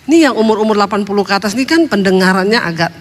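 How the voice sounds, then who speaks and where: A woman pastor gives a storytelling sermon in a medium-pitched, expressive voice, racing along. She is chatty and humorous and laughs at her own jokes, and a long hall reverb colors the sound.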